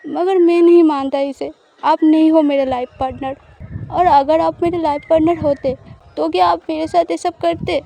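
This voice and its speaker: A woman's voice: sits high, fairly even intonation, moderate pace, creaky, dark tone. A woman voicing a hurt, defiant young bride. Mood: bitter. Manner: bitter, pleading protests. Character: hurt, defiant young woman resisting her new spouse.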